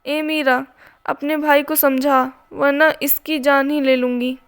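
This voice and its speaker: A woman voicing a feisty, sharp-tongued young woman in a storybook reading, with cheeky retorts. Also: high-pitched, flat delivery, slow pace, exaggerated voice.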